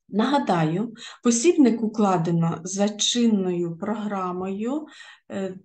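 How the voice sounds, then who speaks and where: A woman's voice: mid-range voice, a little mellow. A middle-aged woman co-author and teacher giving an exam-prep lesson, explaining step by step with frequent hesitation fillers.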